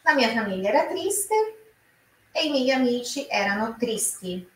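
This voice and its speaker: Slow-spoken woman teaching Italian. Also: fairly high pitch, expressive, fairly bright tone, echoey room, recorded from a distance, slight background noise, rough recording. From Brazil. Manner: explains slowly, drills each example aloud. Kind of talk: online language lesson.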